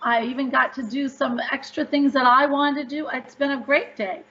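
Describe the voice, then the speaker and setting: A woman's voice: sits high, fairly even intonation, moderate pace, pushed and bright. A woman author answering interview questions, upbeat and emphatic as she tells stories. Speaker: author guest. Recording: dull lo-fi audio.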